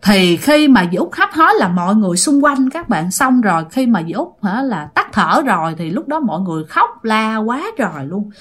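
A woman's voice: medium pitch, sing-song, moderate pace, few pauses, a bit bright. A woman telling a ghost story in a chatty, repetitive way, speaking directly to her listeners.

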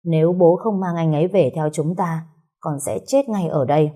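A woman's voice: on the low side, normal speed, dark tone, husky. A woman voicing a desperate young wife and mother who begs tearfully, in a storybook reading. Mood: defiant. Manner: tearful begging. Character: desperate young pregnant-mother daughter, pleading.

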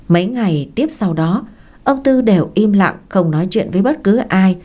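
A woman narrating a story in a steady, expressive audiobook reading. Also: mid-range voice.

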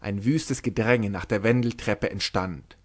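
A man narrating a literary novel aloud in a measured, dramatic storytelling manner. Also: lowish voice. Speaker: audiobook narrator.

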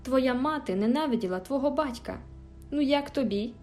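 A woman's voice: high-pitched, animated, moderate pace, darkish tone. Storybook sick boy, petulant and spiteful, voiced by a woman, faint music under. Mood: taunting. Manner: whiny, petulant, taunting. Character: sickly, spoiled, spiteful teenage boy.

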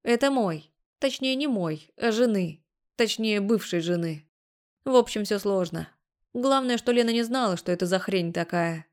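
A woman's voice: mid-range voice, animated, normal speed, darkish tone, natural voice. A woman voicing a blunt, ironic young man who speaks matter-of-factly, in an audiobook. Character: laid-back ironic young blond man.

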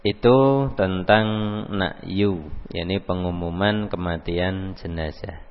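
A man with a Javanese accent giving a religious study lecture, explaining slowly and carefully and mixing in Arabic readings. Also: low-pitched. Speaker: Islamic teacher. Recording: echoey hall, dull lo-fi audio.

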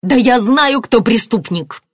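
A woman's voice: big pitch swings, fairly quick, no room sound, clean studio sound. A woman voicing a distraught, flaring mother. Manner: shrill, flaring up. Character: distraught hysterical middle-aged mother.

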